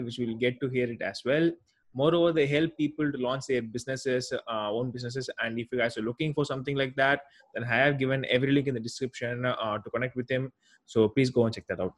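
A man hosting a podcast, introducing his guest with enthusiasm and some hesitant fillers. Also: mid-range voice. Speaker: podcast host. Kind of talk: interview hosting.

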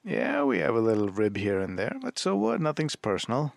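A man's voice: lowish voice, huge pitch swings, brisk, creaky, no room sound. A man with an Indian accent hosting a radio call-in show, chatting casually with flirtatious, teasing banter. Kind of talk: casual chat, mixing English and Hindi. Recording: music behind the voice.

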